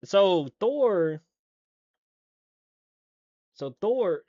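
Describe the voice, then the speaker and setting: A man's voice: high voice, animated, drawn-out words, warm tone, no room sound, dull audio. A man giving casual reaction commentary as a streamer, rambling with lots of fillers, restarts and swearing.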